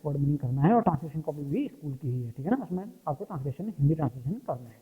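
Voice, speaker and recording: Male teacher, explains word by word, asks and answers his own questions, slightly high voice, tinny lo-fi sound. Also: lively intonation, rapid-fire. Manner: repeats "ठीक है ना" and asks questions he answers himself. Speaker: English teacher. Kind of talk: classroom lesson explaining word meanings. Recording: tinny, phone-like sound with long echo.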